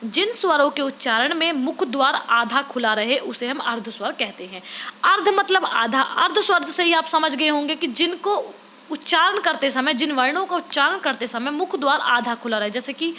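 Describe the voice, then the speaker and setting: A woman's voice: high-pitched, bright, forceful tone, slight background noise. A woman teacher giving an online exam-prep lesson, explaining step by step and asking students to try each sound aloud.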